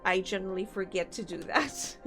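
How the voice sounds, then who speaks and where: Her voice is mid-range and a bit bright. While live-streaming a game with faint music playing, a woman with a slightly sore throat rambles casually, thinks aloud, and chats with her viewers.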